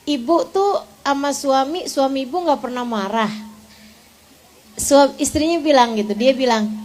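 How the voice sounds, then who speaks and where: Seorang pendakwah perempuan paruh baya yang berceramah kepada ibu-ibu dengan gaya bercerita yang hidup dan sesekali tertawa. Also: female voice, a little high, a little hiss or hum. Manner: lively, animated storytelling with laughs. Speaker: preacher. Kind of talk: religious lecture to women.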